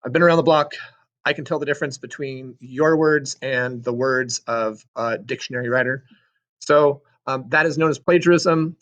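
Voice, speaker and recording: A middle-aged sixth-grade social studies teacher talks through a screen-recorded class walkthrough, chatty and full of joking asides, ums and self-corrections. His voice is medium-pitched and a bit bright, at a normal speed, with lo-fi sound.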